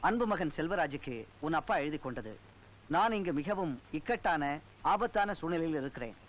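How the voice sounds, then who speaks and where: A man's voice: fairly high pitch, expressive, a little fast, lightly acted. An actor voicing a worried father's letter in a formal, urgent voice-over.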